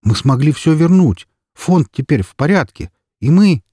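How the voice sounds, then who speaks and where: A man's voice: on the high side, lively intonation, moderate pace, breathy edge, no echo, studio quality, pitched above the performer's own voice. A man voicing a timid, placating middle-aged husband in an audiobook. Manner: soft, placating.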